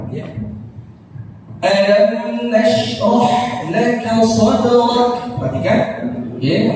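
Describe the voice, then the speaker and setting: A man with a high voice leads a slow, patient recitation lesson, chanting each word so the class can repeat it. He is recorded from far off in a large, reverberant mosque hall. Noise sits clearly behind his voice. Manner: patient, demonstrates words by chanting them slowly. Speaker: Quran recitation teacher. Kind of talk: tajwid lesson in a mosque study circle.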